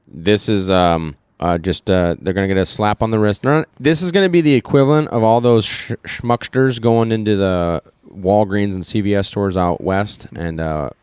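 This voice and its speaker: Co-host, Midwestern man, very low voice, dry close sound, rambling delivery. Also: normal speed, few pauses, darkish tone, clear, resonant tone, no echo. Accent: American Midwest. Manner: rambling, reads news aloud with many fillers. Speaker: podcast co-host. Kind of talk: casual political chat.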